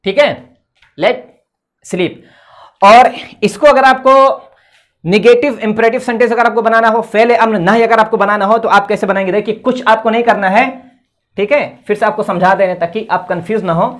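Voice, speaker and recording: A man's voice: high-pitched, fairly even intonation, normal speed. Male English teacher, tinged delivery, patient board lesson, repeats his check-ins. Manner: repeats "theek hai" often, explains patiently.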